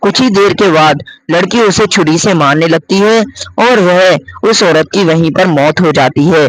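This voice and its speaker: Cartoon narrator: man, high voice, plain repetitive storytelling, dry close mic. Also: measured pace, fairly bright tone, no room sound, rough recording.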